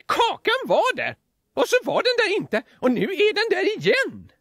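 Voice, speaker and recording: A man voicing Måns, an excitable young male animal friend in a storybook, with frantic squeaky shouts. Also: no echo, studio quality, exaggerated voice. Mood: excited.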